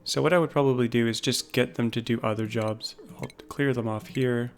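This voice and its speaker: A man casually talking through a game base, thinking aloud with frequent pauses. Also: mid-range voice, steady tone, faint music behind. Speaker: gaming YouTuber. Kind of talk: casual gameplay commentary.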